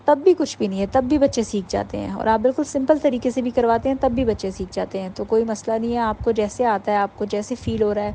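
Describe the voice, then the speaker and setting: A woman giving an informal workshop talk to mothers, explaining patiently and sounding out letters slowly. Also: fairly high pitch, mellow, a little hiss or hum, rough recording. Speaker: parenting workshop teacher.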